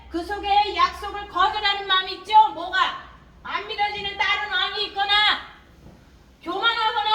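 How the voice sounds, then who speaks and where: A very high, bright-voiced older woman teaches children in a lively Sunday school sermon, slipping into little acted-out voices of the kids. Her voice rings through an echoey church room, caught from some way off the mic. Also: far from the mic. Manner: lively, acts out children's lines. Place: church hall.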